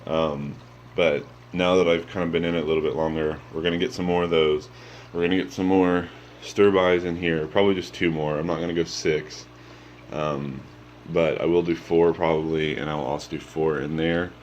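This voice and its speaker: A sleepy young man, just woken up, rambles with lots of ums as he shows off the fish tanks in his home. His low-pitched voice moves at normal speed, and the handheld phone recording sounds muffled with a little hiss or hum.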